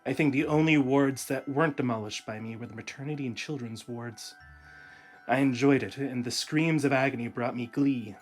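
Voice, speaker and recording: A man's voice: mid-range voice, steady tone, normal speed, faint music behind. A man co-hosting a podcast, chatting casually with jokes and easy laughter, then reading a horror story. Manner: joking, laughs easily between lines. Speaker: podcast co-host.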